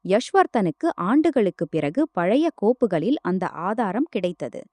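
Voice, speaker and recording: A woman reading a family drama story aloud as scripted narration, at a steady, even pace. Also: medium pitch, normal speed, no room sound.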